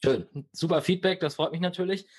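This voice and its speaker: A man hosts an interview podcast in a relaxed, friendly manner. His voice is slightly husky and recorded dry and close, with no room sound around it. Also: high voice, fairly quick, dry recording. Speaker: podcast host. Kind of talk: casual interview hosting.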